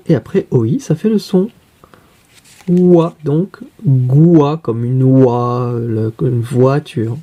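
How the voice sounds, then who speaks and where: A man teaching young children to read, explaining each card slowly and patiently and asking questions as he goes. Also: mid-range voice, dark tone, breathy edge. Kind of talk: reading lesson for young children.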